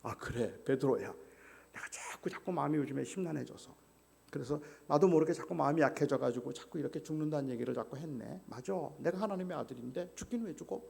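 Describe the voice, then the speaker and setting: A man's voice: fairly high pitch, fast, vocal fry, big-room sound. A man voicing an agreeable male teacher who cheerfully gives in and rallies his follower. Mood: cheery, conceding. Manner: soft then chummy, cheering.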